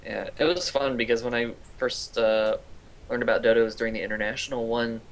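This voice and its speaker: A man's voice: medium pitch, fairly even intonation, brisk. A young man casting an esports match, talking casually with fillers and easy laughs. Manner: chatty, laughs easily, trails off with fillers. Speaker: esports caster. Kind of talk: casual game commentary.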